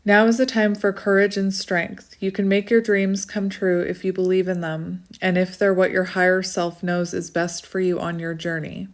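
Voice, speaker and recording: A woman's voice: on the low side, level tone, normal speed, few pauses. A woman with a slight lisp from wearing a retainer, doing a casual, chatty card reading in an effusive, giggly manner. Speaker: tarot reader hosting a card reading.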